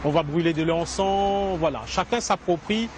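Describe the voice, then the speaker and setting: A man calmly explaining rituals as a guide, outdoors. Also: fairly high pitch, moderate pace, slight background noise. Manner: calm explanatory, with "donc" and "voilà". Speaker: guide at a shrine. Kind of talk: explaining on site.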